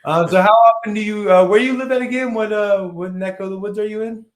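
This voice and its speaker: A man's voice: sits high, steady tone, a little fast, reverberant. A man hosting a casual chat, joking crudely and swearing a lot. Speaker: podcast host.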